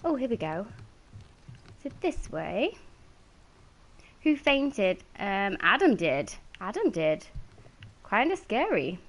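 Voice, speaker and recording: A woman's voice: mid-range voice, big pitch swings, takes it slowly, long pauses. A woman streaming a game, chatting casually, greeting viewers by name and laughing easily.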